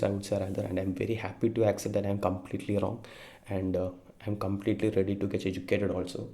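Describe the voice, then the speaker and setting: A man's voice: lowish voice, creaky, dark tone. A young Indian man with an Indian English accent, giving an earnest, emphatic opinion monologue to camera with frequent fillers and self-corrections. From India (Kerala). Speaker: vlogger.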